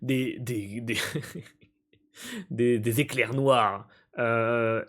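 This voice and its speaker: A male streamer playing a game live, translating its text aloud in a halting, hesitant way and often breaking into amused laughter. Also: mid-range voice, fairly even intonation, a bit bright. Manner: halting and hesitant, stumbling over words while translating.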